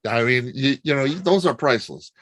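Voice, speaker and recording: Male interviewer, middle pitch, halting delivery, dry close sound. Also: expressive, fairly bright tone, no room sound. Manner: halting, searching for words. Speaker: interview host. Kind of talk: casual interview.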